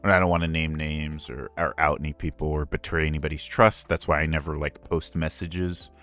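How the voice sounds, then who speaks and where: A man's voice: very deep voice, level tone, brisk, a bit bright, faint music behind. A man who streams and voices ASMR, talking candidly and earnestly in a casual live Q&A, rambling with frequent asides.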